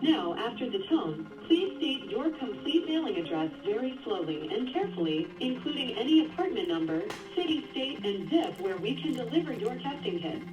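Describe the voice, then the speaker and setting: A recorded phone message in a woman's fairly high, lively voice. She reads a scripted automated menu in a polite, measured way and gives callers step-by-step instructions. The sound is distant and phone-like, with music behind it.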